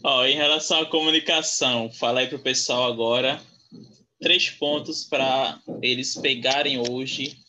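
A male interviewer with a very bright, sharp tone. He asks his guest for practical tips and keeps things moving with brief words of approval between answers. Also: medium pitch, fairly even intonation, measured pace. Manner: short encouraging interjections. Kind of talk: interview questions.

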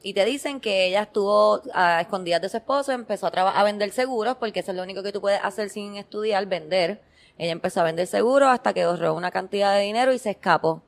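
A woman's voice: mid-range voice, fast, creaky. A woman in casual chat, curious and chatty as she recounts a show.

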